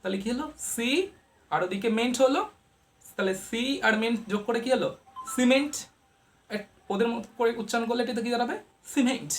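A woman's voice: fairly high pitch, quick pace, pauses often. A woman teaching English pronunciation to viewers, explaining each rule step by step and posing questions she answers herself. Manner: uses everyday family comparisons to explain.

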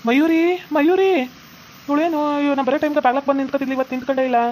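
A woman's voice: high-pitched, steady tone, rapid-fire, a little mellow, a little hiss or hum, lightly acted. A woman voicing a bossy young husband and brother who scolds his wife, with a North Karnataka Kannada accent. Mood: scolding.

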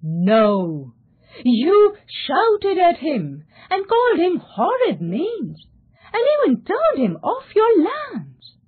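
A woman's voice: fairly high pitch, huge pitch swings, slow, slightly rough, exaggerated voice. A woman voicing a grave inner voice of conscience that questions a young man sternly. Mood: accusing. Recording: tinny phone-like sound.

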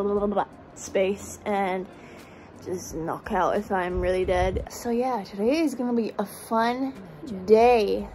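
A woman's voice: mid-range voice, a little mellow, slight background noise, poor audio. Chatty tired young woman vlogging. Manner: chatty, rambling, self-mocking. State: tired from an all-nighter. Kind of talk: casual vlog chat to camera. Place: small bedroom indoors. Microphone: phone camera at arm's length.

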